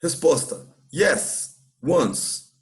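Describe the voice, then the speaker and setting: A man's voice: a little high, lively intonation, extremely slow. A Brazilian man teaching an English class in a church classroom, patiently explaining grammar and often checking with his students.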